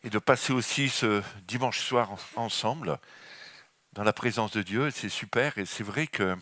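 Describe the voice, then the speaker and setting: A French guest preacher with a French accent and a lowish, fairly bright voice at normal speed delivers an enthusiastic, charismatic sermon in church. The sermon rambles and has many restarts, and the recording has no echo.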